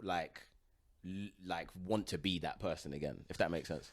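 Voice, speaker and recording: Very deep-voiced London man in his thirties. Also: moderate pace, no room sound, studio quality. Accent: London British. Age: 30s. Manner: slangy, conversational. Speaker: podcast host. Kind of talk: casual chat.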